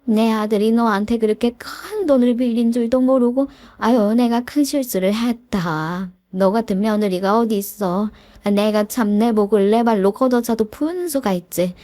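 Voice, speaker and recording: A woman voicing an elderly mother-in-law who laments slowly and pleads, in a dramatized story reading. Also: a little high, warm tone, no room sound, close to an everyday voice. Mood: pleading. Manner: drawn-out lamenting delivery.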